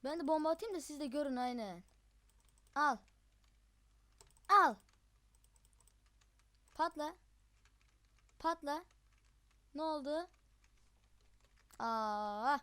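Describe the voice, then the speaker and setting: A young gamer host giving live, chatty commentary over gameplay, excitable and quick to yelp in frustration. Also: sits high.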